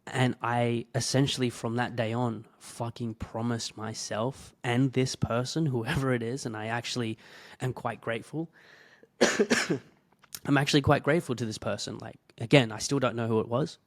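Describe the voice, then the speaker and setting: A man's voice: mid-range voice, fairly even intonation, moderate pace, no room sound. A man, a fitness business owner, telling a personal story in a candid, emotional way, swearing freely and dropping almost to a whisper at the hurtful parts.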